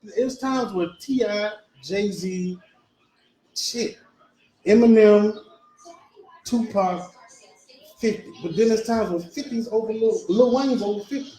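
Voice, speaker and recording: A man in his thirties with a strikingly high voice argues his point in loose group banter. He talks over the others and circles back, repeating his lines. The room adds a roomy echo. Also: takes it slowly, long pauses, dark tone. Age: 30s. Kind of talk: casual group chat.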